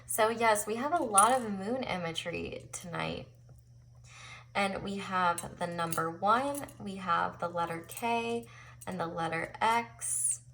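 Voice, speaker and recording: Bright-voiced woman reading tarot. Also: medium pitch, slow pace, slight background noise. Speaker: tarot reader hosting an online pick-a-card reading. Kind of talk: casual, chatty card reading to viewers. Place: indoors at a tabletop, overhead camera on the cards.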